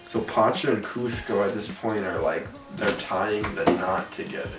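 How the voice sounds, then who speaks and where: A man's voice: fairly low pitch, moderate pace. Drunk male storyteller, casual and crude, repeats himself, recorded in a roomy space. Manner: drunk, rambling with repeated words; crude, slangy, quoting characters. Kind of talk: casual comedic movie retelling. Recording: roomy, distant mic, faint music.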